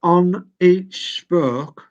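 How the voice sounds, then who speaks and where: The sound is lo-fi and the man's voice high. He's an older Yorkshireman on a video call, talking patiently through model-building steps and reading the instructions out slowly, one step at a time.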